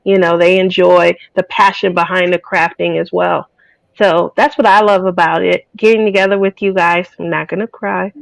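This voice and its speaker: A woman's voice: fairly low pitch, flat delivery, moderate pace, vocal fry, dry recording, rough recording. A woman chatting casually as a guest, rambling with lots of fillers. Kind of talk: casual chat.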